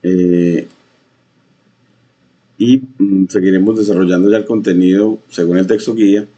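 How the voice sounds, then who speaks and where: Slow, halting man with a deep dark voice. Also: steady tone, slightly rough. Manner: halting, many fillers and pauses, repeats phrases. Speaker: teacher. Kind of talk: screen-share coding lesson. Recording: dull lo-fi mic.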